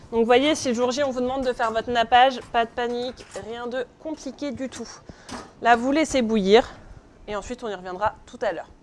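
A woman runs a live pastry class from a kitchen, her voice on the higher side. She talks casually, tosses jokes to viewers and keeps asking "ok?". Faint background noise sits under her voice. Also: brisk, darkish tone. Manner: chatty, joking asides to viewers; often checks with "ok?". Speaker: pastry instructor. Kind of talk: live online baking class.

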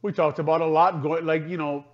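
A frustrated male analyst talks through a postgame radio show, circling back on his points and restarting his thoughts. His voice sits a bit high. It comes over a dull, muffled line. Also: level tone, a little fast. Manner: frustrated, repetitive, restarts often.

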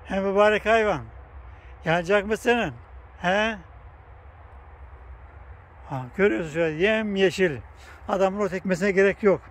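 This man's voice sits high, and he speaks at a moderate pace broken by long pauses. Filming a casual vlog beside grazing bison near a bike path, he affectionately coaxes the animals to approach, talks warmly to viewers, and laughs a lot.

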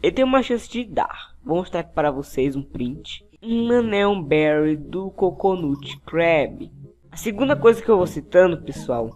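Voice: mid-range voice, animated, moderate pace, darkish tone, soft background music. Upbeat Brazilian gaming youtuber. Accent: Brazilian Portuguese. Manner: upbeat, addresses viewers constantly as "pessoal". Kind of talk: game tutorial commentary.

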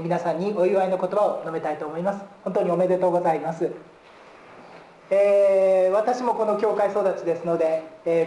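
Higher-voiced man preaching in a roomy church. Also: mellow, a little hiss or hum. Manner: fills pauses with drawn-out "ee", jokes lightly. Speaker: guest pastor. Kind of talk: sermon. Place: church sanctuary. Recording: roomy church live stream.

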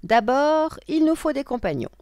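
A woman's voice: high voice, big pitch swings, moderate pace, a little mellow, dry recording, studio quality, pitched above the performer's own voice. A woman voicing a wicked old witch in a children's story, with a theatrical, cackling manner. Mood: scheming.

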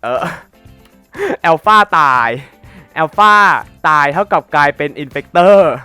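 Lively, bright-voiced man playing games. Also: fairly high pitch, takes it slowly, dry recording, soft background music. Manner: mock-formal, teasing and sarcastic, with lots of exclamations. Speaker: gaming channel host. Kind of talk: playful Minecraft gameplay commentary.

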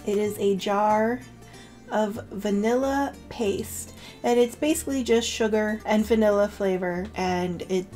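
A woman's voice: mid-range voice, fairly even intonation, measured pace, a little mellow, faint music behind. A young woman vlogging casually to camera, chatty and full of "like", emotional and close to tears. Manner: chatty, with filler "like" and self-corrections. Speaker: beauty vlogger.

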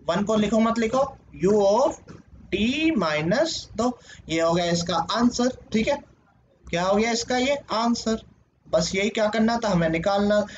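A male teacher explaining a lesson at a board, asking questions and answering them himself, checking in with "okay" often. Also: sits high. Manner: frequent "ठीक है" check-ins. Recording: dull lo-fi sound with faint noise.

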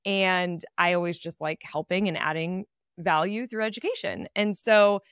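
Brief: woman in her 30s, podcast host, animated chatty storyteller, smooth clear tone, dry close sound. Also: on the low side, normal speed, no echo. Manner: animated, chatty, many "like" fillers. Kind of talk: personal storytelling monologue.

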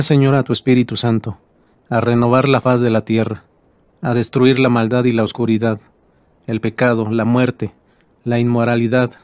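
A man leading a recited rosary in a steady, measured prayer voice. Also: mid-range voice, dry recording. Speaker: prayer leader.

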